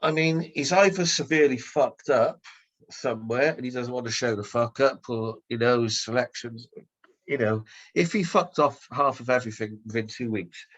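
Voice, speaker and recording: A man's voice: medium pitch, moderate pace, a bit bright, dull audio. A man talking casually on a podcast, airing a grievance in a blunt, rambling way with heavy swearing.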